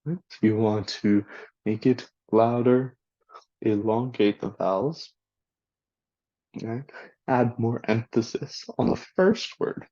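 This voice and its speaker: A student presenter teaches a language lesson in a recorded classroom presentation, speaking slowly and deliberately in a mellow, mid-range voice. He gives spoken examples for listeners to repeat, and the lo-fi recording has no room sound.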